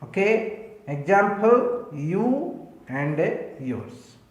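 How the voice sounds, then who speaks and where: Slow, high-voiced Indian male teacher. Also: very animated, echoey room, dull audio. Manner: slow dictation-like delivery, repeats definitions and checks understanding. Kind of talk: bilingual grammar lesson, slow and repetitive. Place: online class recording in a room.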